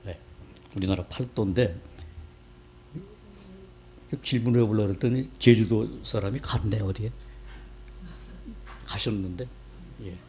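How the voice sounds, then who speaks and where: A man's voice: lowish voice, a little slow, long pauses, a little mellow. A man, a church elder, preaching a sermon in a conversational way and putting questions to the congregation. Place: church sanctuary.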